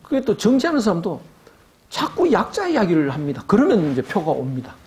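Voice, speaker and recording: A man's voice: high voice, huge pitch swings, brisk, darkish tone. An older man giving an academic lecture, asking rhetorical questions and acting out quoted voices.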